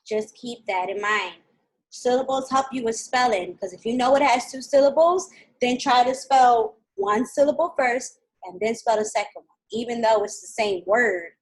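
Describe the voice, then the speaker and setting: Kindergarten teacher lady on a video call, slow and clear with the kids, kinda high voice. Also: poor audio. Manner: patient, slow and clear with small children. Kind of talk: live online lesson.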